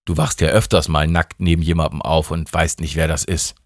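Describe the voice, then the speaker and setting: A man's voice: very deep voice, flat delivery, brisk, dry recording. Guy doing a chill slangy god in a storybook reading, kinda flustered and mumbly, dry sound. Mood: sloppy casual. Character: laid-back slangy male God, sloppy and careless.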